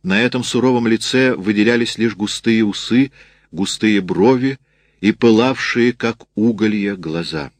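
A man reading a novel aloud in a steady, measured way. His voice sits low, and the recording is dry and close with no room sound. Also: no echo. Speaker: narrator. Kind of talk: audiobook narration.

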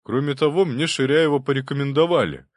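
A man voicing a flustered, excitable middle-aged prince, lifting his voice higher and drawing out bewildered phrases. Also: fairly quick, no echo, studio quality, close to an everyday voice.

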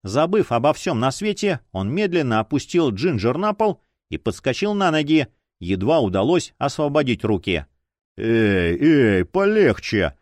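A man reads a dark thriller aloud in a dramatic, expressive way, his pitch moving a lot. The recording is close and dry. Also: moderate pace, few pauses, dry recording. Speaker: audiobook reader. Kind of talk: dramatic audiobook narration.

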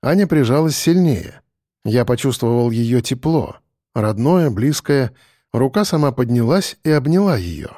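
A man narrating a first-person audiobook in a terse, gruff and blunt manner. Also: mid-range voice, expressive, a little slow, dark tone, no room sound, clean studio sound.

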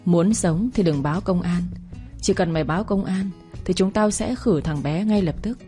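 A woman's voice: fairly low pitch, normal speed, mellow, faint music behind, lightly acted. A woman voicing a cold, menacing male kidnapper who issues clipped threats in a story reading.

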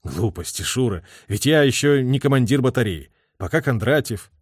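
Confident young artillery officer, insistent half-joking, lively, dry close recording, voiced by a man. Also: medium pitch, moderate pace, husky, dry recording. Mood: teasing.

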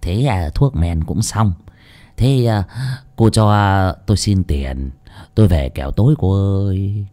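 A man's voice: sits low, lively intonation, a little slow, warm tone, pitched below the performer's own voice. A man voicing a sly old male village herb healer who grumbles and mutters to himself. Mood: wheedling.

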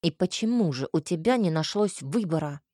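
A woman reading an audiobook, voicing a blunt, sarcastic young man in a lowered, curt voice. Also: lively intonation, moderate pace, mellow, no echo, clean studio sound.

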